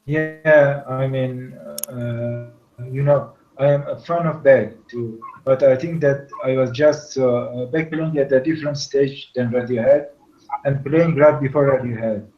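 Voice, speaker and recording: A man reads his part of a classroom dialogue, stumbling and filling pauses with hesitant sounds. His pitch is mid-range, and the recording sounds dull and lo-fi. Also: steady tone. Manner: halting, many fillers. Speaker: student reading a dialogue. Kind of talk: reading a dialogue aloud.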